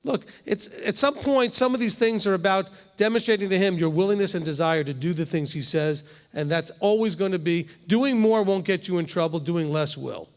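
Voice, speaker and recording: In a congregation hall, a rabbi in his fifties leads Torah study conversationally, often checking in with "okay?" His voice sits high, and he speaks fairly quickly with few pauses and a big-room sound.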